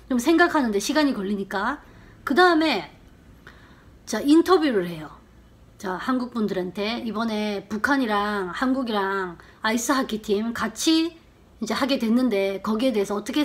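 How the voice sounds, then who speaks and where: Lively high-voiced woman teaching a language. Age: middle-aged. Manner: lively, acts out short sample dialogues with slowed, exaggerated intonation. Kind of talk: casual language lesson.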